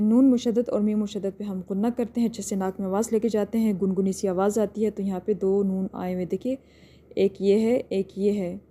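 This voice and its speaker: Woman, tajweed teacher, patient and step by step, very dark mellow voice, middle pitch. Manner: patient step-by-step explaining, drawn-out demonstration recitation. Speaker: Quran recitation teacher. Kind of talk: tajweed lesson.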